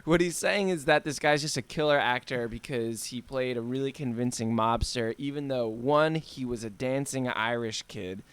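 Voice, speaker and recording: A man's voice: medium pitch, normal speed, hardly any pauses, a bit bright, clear, resonant tone. A male podcast co-host in casual chat, reading facts from notes and adding dry asides.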